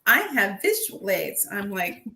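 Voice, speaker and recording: A woman chats on a video call in a talkative, self-deprecating way. Her voice is bright and forceful, sitting at a middle pitch. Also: big pitch swings, a little slow, gravelly. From Canada. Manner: chatty, self-deprecating, laughs often. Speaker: historical fiction author. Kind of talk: casual video chat.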